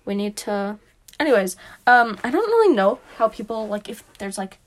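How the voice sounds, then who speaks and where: A woman's voice: a little high, sing-song, normal speed. A young woman co-hosting a casual podcast, chatty and giggly, with lots of "like" and "um". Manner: chatty, giggly, filler-heavy. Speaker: podcast co-host. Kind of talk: casual chat.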